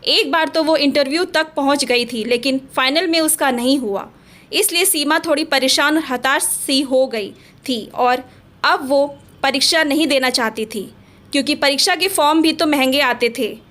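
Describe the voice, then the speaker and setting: A woman storyteller narrating a scripted family story in a steady, dramatic way. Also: high voice, moderate pace.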